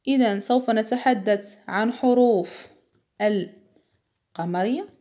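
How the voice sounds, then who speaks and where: Slow, patient woman teacher. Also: fairly high pitch, mellow. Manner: patient, repeats words and asks "understood?". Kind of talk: slow classroom explanation for children.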